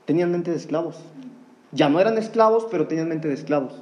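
A man's voice: fairly high pitch, expressive, quick pace, mellow. A man preaching an earnest sermon, addressing the congregation as brothers.

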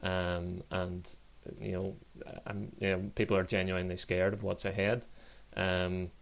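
Low monotone guy on a podcast, earnest, keeps restarting his sentences. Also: a little slow. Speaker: podcast guest. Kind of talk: discussion.

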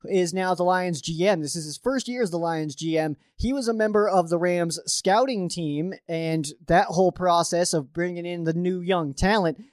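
A man's voice sits high as he hosts a sports podcast, moving at a normal speed with few pauses. Openly cheering for the team, he gives a casual game preview peppered with fillers and restarts, and the studio sound is clean with no room sound.

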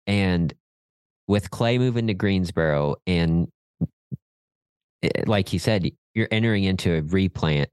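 A man's voice: low voice, measured pace, long pauses, a little mellow, clear, resonant tone, dry recording. A middle-aged man, a podcast co-host chatting casually in an encouraging way. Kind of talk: casual chat.

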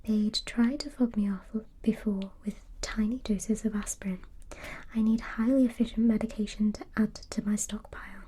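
A woman reading a novel aloud in a breathy, mostly unvoiced ASMR whisper. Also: mid-range voice, steady tone, moderate pace, warm tone, a little hiss or hum.

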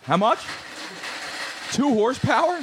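A man's voice: extremely high pitch, big pitch swings, unhurried, background noise. A man co-hosting a talk show with brash, slangy, joking banter. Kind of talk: casual banter.

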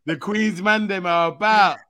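Slangy London roadman host, bright forceful male voice. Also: high-pitched, measured pace. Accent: London, urban street style. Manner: slangy, animated. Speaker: football talk show host. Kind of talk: casual banter with slangy London roadman talk.

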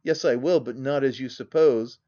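A man voicing a brutal, drunken, bullying gentleman who barks out commands, heard on a dull, lo-fi recording. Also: medium pitch, moderate pace, lightly acted. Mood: raging. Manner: loud, harsh, barking commands.

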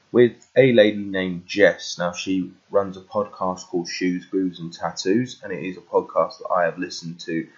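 A British man with a very deep voice hosts a podcast in a casual way. He speaks haltingly, doubling back on phrases. The recording is slightly dull and lo-fi. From United Kingdom. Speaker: podcast host.

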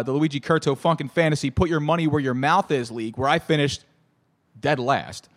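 Hoarse man hosting a casual talk show. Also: a little high. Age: 30s. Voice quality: hoarse, worn-out voice. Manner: halting, repeats and corrects himself, jokey. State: voice shot and hoarse. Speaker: solo host of a fantasy football show.

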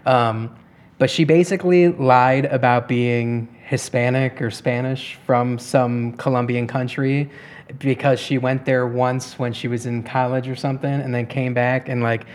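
A man's voice: medium pitch, fairly even intonation, unhurried. A man co-hosting a casual gaming podcast, chatting and rambling through stories with easy laughs. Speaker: podcast co-host. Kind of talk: casual chat.

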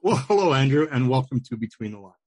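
A podcast host with a medium-pitched, sing-song voice talks fast and a little mellow, in a recording with no echo. He asks questions in a friendly, conversational way during a casual interview.

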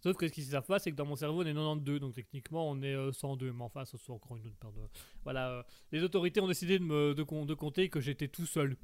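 A man hosts a relaxed live stream, chatting with his viewers. His voice sits a little high, and he rambles along, stacking puns and tripping over restarts and fillers. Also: fast talker. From Belgium. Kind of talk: casual live stream chat reading chat messages.

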